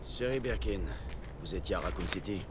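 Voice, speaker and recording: An actor playing a stern military squad leader in a French-dubbed video game, curt and commanding. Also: male voice, low-pitched, moderate pace, lightly acted. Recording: very noisy battlefield ambience behind.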